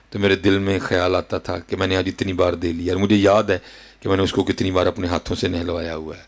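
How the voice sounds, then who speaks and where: A man in his thirties with a Punjabi accent, preaching a sermon with fervent rhetorical questions, sudden leaps in pitch and frequent address to his listeners. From Pakistan. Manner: keeps addressing listeners as "hazrat ji". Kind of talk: Urdu sermon.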